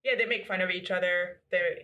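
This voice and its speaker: A woman from the Philippines talks casually as a podcast guest, her voice bright and crisp. She laughs easily and fills her talk with "like". The mic sits a bit away from her. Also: on the low side, fairly even intonation, brisk, recorded from a distance. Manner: chatty, laughs often, many "like" fillers. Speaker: guest, tennis fan.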